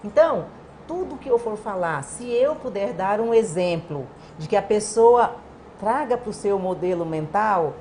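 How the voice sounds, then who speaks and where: Animated woman explaining communication. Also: medium pitch, a little slow, slight background noise. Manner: animated, acts out quoted dialogue. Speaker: guest communication expert. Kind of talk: explanatory interview talk.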